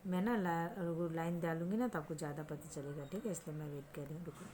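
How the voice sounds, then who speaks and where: A patient Indian woman teacher speaks a little low for a woman, repeating each point and asking her young pupils questions back. Faint room ambience sits behind her voice, recorded close on a simple home setup. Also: steady tone, fast talker, darkish tone, a little hiss or hum. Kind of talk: online lesson for children.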